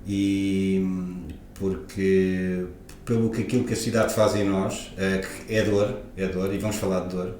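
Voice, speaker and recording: Recorded off-mic in an echoey room with faint ambience and a little hiss or hum, this Lisbon man in his forties, a guest osteopath, talks reflectively with many hesitations in a casual interview. His European Portuguese-accented voice sits low, a little mellow, with a level tone and measured pace.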